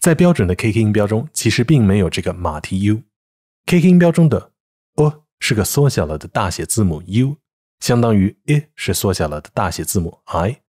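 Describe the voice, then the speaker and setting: Male language teacher, lively intonation, measured scripted lesson delivery. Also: on the low side. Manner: clear, measured explanation with slow example words. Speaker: English pronunciation teacher.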